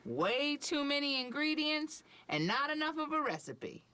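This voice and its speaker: A woman's voice: high-pitched, very animated, unhurried, pushed and bright, exaggerated voice. A woman playing a chirpy folksy pundit. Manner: chirpy, folksy, self-assured. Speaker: panel guest.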